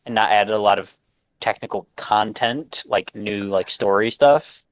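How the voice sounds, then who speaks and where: An eager man rambling about games on a casual live stream, laughing often. His voice sits a little low, and the audio is dull and lo-fi. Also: measured pace, no room sound. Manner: excited, rambling gamer talk with frequent laughs. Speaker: gaming podcast co-host.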